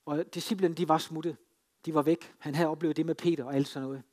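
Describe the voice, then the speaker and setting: A man preaching a sermon, telling the story dramatically and swinging between emphatic lines and hushed ones. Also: a little high, steady tone. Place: free church.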